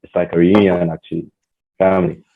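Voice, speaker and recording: Appearing as a guest on a podcast, a Hausa-speaking man from Nigeria talks casually with lots of fillers and false starts. His low voice has vocal fry, barely moves in pitch, and runs fairly quick, all through a tinny, phone-like recording.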